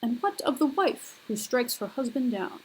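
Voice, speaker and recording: A woman lecturer putting on a deeper, manly voice for a stern male god, speaking in a slow, measured way. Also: big pitch swings, a little mellow, breathy edge, exaggerated voice, rough recording. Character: stern male god defending his deed.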